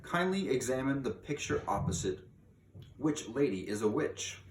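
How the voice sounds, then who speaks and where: With a mid-range voice and a normal pace, a male storyteller reads a children's book in an animated, theatrical way, lingering on key words for drama. Background noise and an echoey room come through the far-off microphone.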